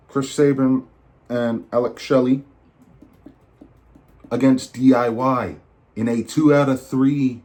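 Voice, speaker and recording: A man hosting a podcast, talking casually and digressively, with animated asides. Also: medium pitch. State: recovering from flu. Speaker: podcast host. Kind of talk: casual wrestling predictions.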